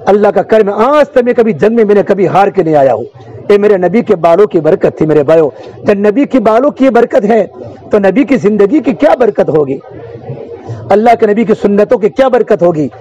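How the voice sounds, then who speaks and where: A man's voice: high-pitched, animated, dark tone, dull audio. A man preaching a sermon in an emotive, rhythmic oratorical style, with repeated refrains and recited verse.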